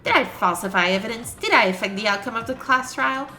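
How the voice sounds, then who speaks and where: A woman's voice: a little high, fast talker, sharp tone, soft background music. A woman voicing a mischievous robot bear villain from a video game, smug, taunting and theatrical. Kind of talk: video game character read-aloud.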